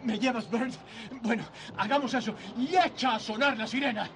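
A high-voiced, emotional family man. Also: moderate pace, noisy background. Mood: overjoyed. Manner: emotional, cries out, calls names repeatedly. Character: desperate young family man, husband and father. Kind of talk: dubbed film dialogue.

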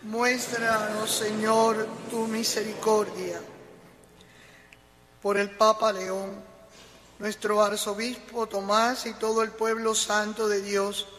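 Un hombre que lee las peticiones de la misa de forma lenta y pareja, con eco de catedral. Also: male voice, high-pitched. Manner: slow, even reading. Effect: cathedral echo. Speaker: lector. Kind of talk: reading prayers of the faithful. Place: large church. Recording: long church reverb.

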